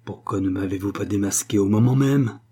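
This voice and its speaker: A pale spirit medium defends himself calmly and quietly, read by a male audiobook narrator. The tone stays low, husky and mellow. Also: fairly quick. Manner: calm and low.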